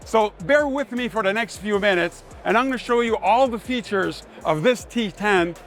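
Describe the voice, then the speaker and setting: At a trade show demonstration, a sales manager pitches a product live, using short, emphatic phrases the way a salesman does. His voice sits high and a bit bright, at a normal speed.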